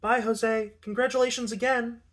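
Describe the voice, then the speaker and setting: A man's voice: flat delivery, normal speed, fairly bright tone. A man reading a romance novel aloud, voicing a shy, flustered young woman in a raised, timid voice. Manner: timid, pitched up.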